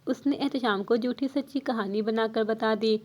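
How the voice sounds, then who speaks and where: A woman reading a novel aloud as narrator in an even, steady storytelling manner. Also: on the high side.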